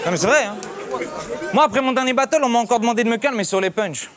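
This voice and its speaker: A man battle rapping a cappella on stage, aggressive and trash-talking, often shouting at his opponent. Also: very high-pitched, quick pace. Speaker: battle rapper. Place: stage before a live audience. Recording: faint crowd noise from a live battle.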